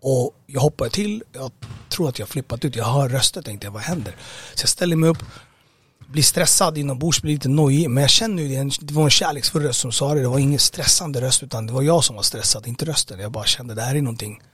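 A man's voice: medium pitch, a bit bright, slightly rough, dry recording, clean studio sound. A man giving a personal testimony in an interview, speaking hesitantly with many fillers and restarts. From Sweden. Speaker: interview guest.

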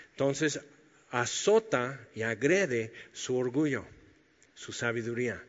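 Man preaching in an echoey hall. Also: medium pitch. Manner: lively storytelling, acting out biblical scenes with humor. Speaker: pastor. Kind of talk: sermon. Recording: reverberant hall, dull lo-fi sound.

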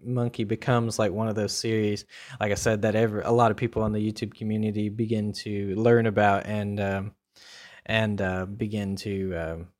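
A man's voice: fairly low pitch, flat delivery, moderate pace, darkish tone. A young man giving a casual, rambling spoken review, full of fillers and restarts. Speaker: video reviewer.

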